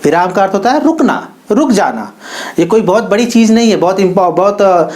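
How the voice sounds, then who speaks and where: A woman teaching a Hindi grammar lesson, reading example sentences slowly and with emphasis. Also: medium pitch, expressive, a little mellow. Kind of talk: explanatory classroom lesson.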